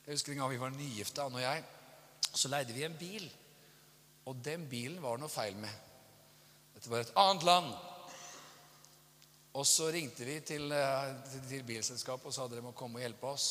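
Animated preacher in an echoey hall. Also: male voice, mid-range voice, slight background noise. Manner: animated, acts out stories with voices and laughter. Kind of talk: sermon.

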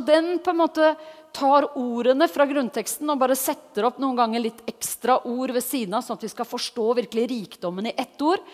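A woman giving a lively, conversational Bible teaching, often putting questions to her listeners. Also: high-pitched, big-room sound.

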